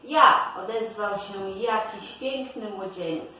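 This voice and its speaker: A woman narrating a storybook fairy tale aloud with a slow, deliberate storytelling delivery, recorded in a room at home. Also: medium pitch, animated, far from the mic. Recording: very echoey room, voice from afar, faint hiss.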